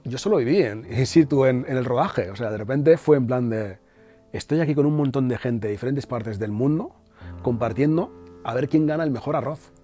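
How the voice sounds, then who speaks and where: Male actor, 40s, candid interviewee, mid-pitched, animated and self-correcting, soft music bed underneath. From Equatorial Guinea, raised in Madrid. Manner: lively, restarts phrases, tags remarks with a questioning "no?".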